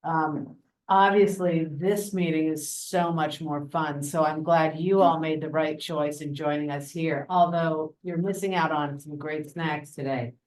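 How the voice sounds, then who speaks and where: Joking middle-aged woman chairs a meeting, lowish voice, light and easy. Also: fairly even intonation, a little slow, darkish tone, rough recording. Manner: joking, breezy. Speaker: meeting chair, executive director. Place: meeting room.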